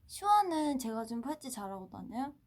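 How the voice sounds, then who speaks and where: A woman in her twenties hosting a casual livestream, chatting playfully with fans and often dropping to a hushed tone. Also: sits high, sing-song, moderate pace. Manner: playful, often drops to a soft hush. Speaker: idol livestream host. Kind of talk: casual livestream chat, answering fan comments.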